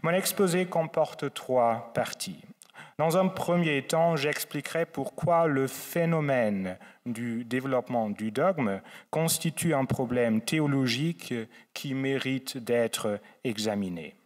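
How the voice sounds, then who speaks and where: A man from Saarland speaks with a German accent, delivering a formal academic lecture in a measured, courteous way. His pace is unhurried and his pitch sits mid-range. The hall adds a long reverb around his voice. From Saarland, Germany, on the French border. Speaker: guest lecturer, theologian. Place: large lecture hall at a faculty.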